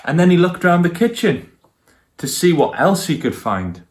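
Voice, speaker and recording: A man's voice: a little high, big pitch swings, moderate pace, a little mellow. A man reading stories for young children and speaking to them directly as a guest storyteller.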